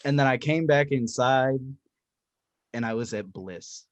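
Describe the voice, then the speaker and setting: A man's voice: mid-range voice, measured pace, dry recording, highs cut off. Profane storytelling young man, dry sound. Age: 20s. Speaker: podcast co-host. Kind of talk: casual chat. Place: apartment room.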